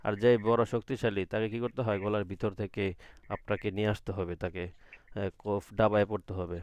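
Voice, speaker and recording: A man's voice: on the low side, fairly even intonation, a little fast, a little mellow, smooth. A man teaching an online Quran class, patiently asking questions and drawing out letter sounds from the throat. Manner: patient, asks the class questions and answers them himself.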